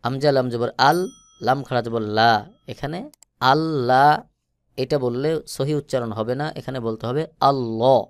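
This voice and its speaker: A man with a Bangladeshi Bengali accent teaching Quran reading, spelling out letters slowly and chanting the words in long drawn-out tones. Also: medium pitch, fairly even intonation, clean tone, dry recording. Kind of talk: slow spelled-out recitation lesson.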